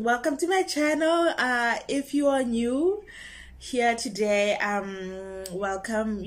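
Bubbly young woman vlogger. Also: medium pitch. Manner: bubbly, expressive, laughs and breaks into singing. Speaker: vlogger, young opera singer. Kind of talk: casual chat to camera.

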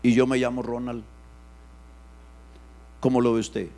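Man preaching with loud-soft swings. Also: mid-range voice, unhurried. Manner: animated preaching with sharp swings from loud to hushed. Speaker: pastor. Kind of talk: sermon.

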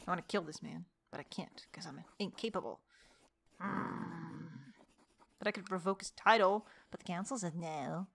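A woman's voice: lowish voice, moderate pace, vocal fry, a bit bright, breathy edge. A woman casually commenting on her strategy game, exasperated and joking, talking to the characters and laughing often. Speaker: let's play gamer.

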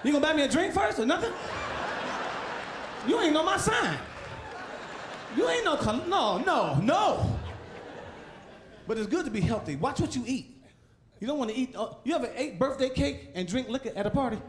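A man doing a loud, animated stand-up set, acting out characters and shouting sound effects into a handheld mic on a comedy club stage. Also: extremely high pitch, normal speed, long pauses. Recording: echoey club recording with crowd laughter and noise. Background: audience laughing.

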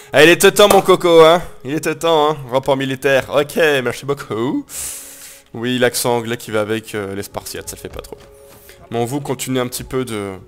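A man's voice: mid-range voice, smooth. A man giving casual let's-play commentary on a strategy game, joking around, coining silly made-up words and swearing now and then. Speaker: gameplay commentator.

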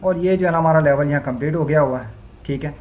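A gaming channel host walks viewers through a level step by step in a fairly high-pitched male voice. He keeps circling back to the same filler phrases as he explains each move. A faint hiss of background noise sits under the recording. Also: fast talker, lo-fi sound. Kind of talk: gameplay walkthrough commentary.

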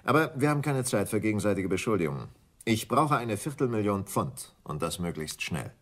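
For a German radio crime drama, a male actor plays a scheming, smooth-talking English stockbroker with deliberate condescension. His fairly low voice is sing-song with a fairly bright tone. The mood comes across as urgent yet controlled.

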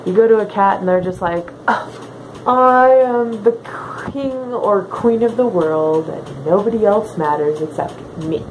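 A woman's voice: medium pitch, a little slow. A woman in a costume head answering fan questions in a playful, sassy manner, her voice muffled by the mask. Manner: playful, sassy, in character as a winged canine creature. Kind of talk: casual chat. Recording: noisy background hiss.

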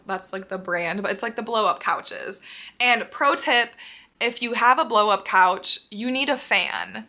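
A young woman with a Minnesota accent talks in a bright, sparkly tone from her apartment. She rambles cheerfully, peppering everything with "like", at a middle pitch. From Minnesota, USA. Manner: bubbly, rambling, heavy use of "like", frequent laughs. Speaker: vlogger. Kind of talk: casual chatty advice vlog.

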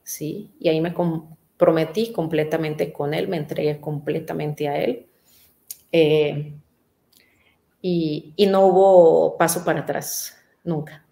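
A middle-aged woman with a somewhat low voice tells her own story in a relaxed interview. She speaks earnestly, circling back on phrases and checking in with little questions as she goes. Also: takes it slowly, creaky. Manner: earnest storytelling with frequent "¿verdad?" tags and repetitions. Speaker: pastor and businesswoman, interview guest. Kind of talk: personal testimony in conversation.

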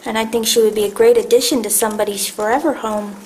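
A woman's voice: on the high side, fairly even intonation, fast talker, noisy background. Chatty woman cooing over a shelter cat. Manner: chatty, coos and baby-talks to the cats. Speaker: shelter volunteer presenting a cat. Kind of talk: casual talk to a cat on camera. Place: animal shelter room with cages.

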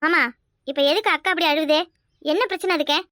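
A woman's voice: very high voice, fairly even intonation, fairly quick, bright, forceful tone, dry recording, clean studio sound. A woman voicing a cheeky, earnest young village girl in a cartoon, with a Kanyakumari Tamil accent. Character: young unmarried village girl, spirited and fond.

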